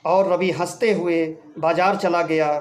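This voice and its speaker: A man calmly narrating a short story aloud. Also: sits high. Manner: calm, measured storytelling.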